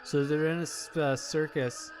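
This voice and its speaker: Speaking over music, a video commentator gives a wandering, uncertain intro, halting often and restarting amid many fillers. His voice leans high and his intonation stays fairly even.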